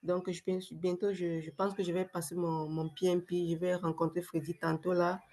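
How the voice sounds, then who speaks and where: This young woman's voice is lowish and darkish, delivered flatly at a moderate pace. Sick with a cold that affects her voice, she appears as a guest on a video call webinar, giving a hesitant, casual testimonial as a former client with many fillers and restarts.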